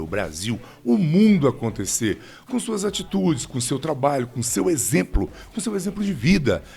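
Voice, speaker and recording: A middle-aged man with a Brasília Portuguese accent hosts a studio podcast in an upbeat, joking way. His voice has a gravelly, fry-laden edge, and he pushes his pitch up and down to drive his points home. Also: darkish tone. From Brazil. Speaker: podcast host. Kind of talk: casual interview chat.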